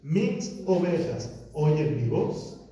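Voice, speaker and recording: A man's voice: on the high side, sing-song, drawn-out words, mellow, muffled recording. A male pastor preaching a sermon with rising, emphatic repetitions. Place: church hall. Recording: echoey church hall from far off.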